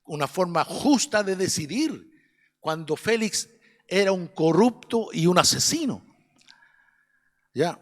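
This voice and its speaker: His voice is high with big swings in pitch, slow and full of pauses, and it carries a big-room sound. This Chilean-accented man teaches adults in a church classroom on Sunday, earnest and preachy, frequently asking for agreement.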